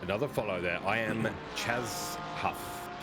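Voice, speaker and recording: A man calls a sim race over livestream headset audio, keeping the play-by-play quick and chatty. His voice sits fairly low, and a steady hiss of background noise runs loud under the headset mic. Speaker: race commentator. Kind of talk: sim racing livestream commentary.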